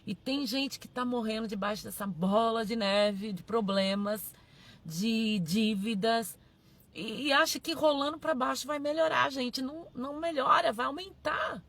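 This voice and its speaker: A woman's voice: fairly high pitch, a little slow, a bit bright. A woman pastor, preaching a sermon emphatically, repeating her phrases and calling out to her listeners.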